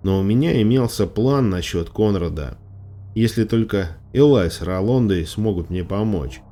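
Low mellow male audiobook narrator. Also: expressive, normal speed. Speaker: audiobook reader. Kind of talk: scripted narration.

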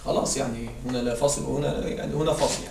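A man teaching an Arabic grammar lesson in a classroom, often asking his students whether they follow, and reciting verses slowly and drawn out. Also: mid-range voice, fairly even intonation, creaky, darkish tone. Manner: checks understanding with frequent "right?". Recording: echoey room, distant mic, faint hiss.

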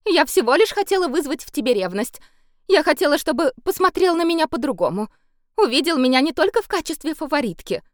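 A woman voicing a foolish young noble favorite who pleads through tears in a high voice. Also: big pitch swings, a little fast, no room sound, studio quality. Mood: hopeful pleading. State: crying. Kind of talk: audiobook character voice.

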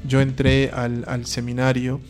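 A man's voice: medium pitch, monotone, unhurried, darkish tone, soft background music. A man, a priest giving a conversational talk on faith, asking rhetorical questions and acting out short dialogues. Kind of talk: conversational preaching.

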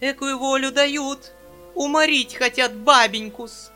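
Storybook: man doing a venomous, shrill old spinster, high-pitched. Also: fairly even intonation, slow pace, pushed and bright, soft background music, exaggerated voice. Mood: spiteful. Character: spiteful, hissing older spinster companion.

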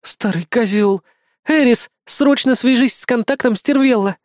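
A man reading an audiobook, voicing a brash, scheming young goddess who talks loud and snappy. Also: very high voice, a little slow, no room sound, clean studio sound, pitched above the performer's own voice. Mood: indignant. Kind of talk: audiobook character voice.

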